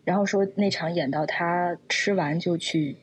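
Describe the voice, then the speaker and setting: A woman hosting a conversational interview, asking questions in a thoughtful, gently probing way. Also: on the low side, moderate pace, slight background noise, rough recording. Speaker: host.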